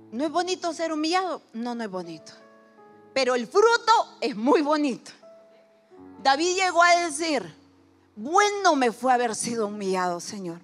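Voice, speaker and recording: A woman preaching a sermon, animated, swinging from loud emphasis to hushed asides and acting out people's words in quoted voices. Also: sits high. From Honduras.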